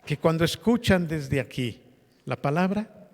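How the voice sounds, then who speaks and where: A man's voice: fairly high pitch, expressive, a little slow. A man, a pastor preaching a conversational sermon to his congregation and asking them questions. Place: church meeting hall. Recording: long hall reverb.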